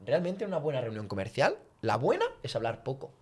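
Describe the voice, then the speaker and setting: Man, communication coach, podcast chat, lively quoted voices. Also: fairly quick, breathy edge. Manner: animated, acts out quoted speech with big pitch jumps. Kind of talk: podcast conversation, teaching.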